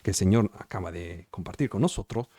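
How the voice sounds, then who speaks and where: Over a video call, a man born in Italy gives a sermon in Spanish, repeating himself emphatically and asking if his audience follows, his Italian accent clear. His deep, dark voice has a breathy edge and runs a little fast. The recording is dry and studio quality.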